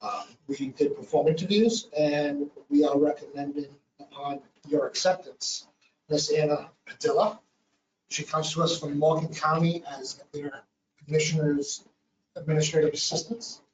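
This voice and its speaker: A man's voice: on the high side, steady tone, normal speed. Polite male director, Boston accent, distant and dull-sounding with faint hiss. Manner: polite, formal. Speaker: development authority director. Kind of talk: presenting a request at a public meeting. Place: county meeting room. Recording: distant, echoey, dull audio with faint noise.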